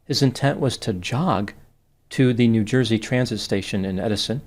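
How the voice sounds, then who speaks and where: A man narrating a case analysis in a measured, deadpan way. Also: fairly low pitch. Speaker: psychologist commentator.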